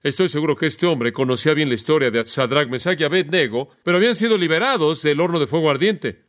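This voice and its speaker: A man preaching an expository Bible sermon in a lively way, putting rhetorical questions to his listeners. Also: a little high, quick pace. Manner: animated, asks rhetorical questions.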